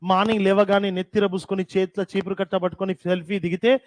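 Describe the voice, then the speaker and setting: A man teaching a class, dictating terms slowly and repeating them, with teasing scolds, in a classroom. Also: high voice, level tone, no room sound.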